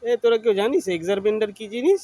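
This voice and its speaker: Man, high voice, exasperated, mocking comic banter. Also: lively intonation, very fast, mellow, no room sound. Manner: mocking, exasperated, talks back to a clip. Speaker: content creator reacting to a clip.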